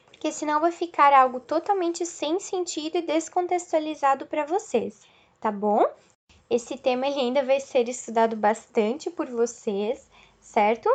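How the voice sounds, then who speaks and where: A woman teacher giving a recorded video lesson, explaining step by step and asking and answering her own questions. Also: sits high. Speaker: school teacher.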